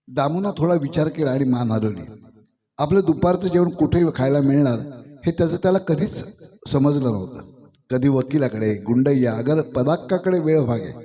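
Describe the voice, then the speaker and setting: Man reading a story aloud, mellow. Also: a little high, dull audio. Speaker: story reader.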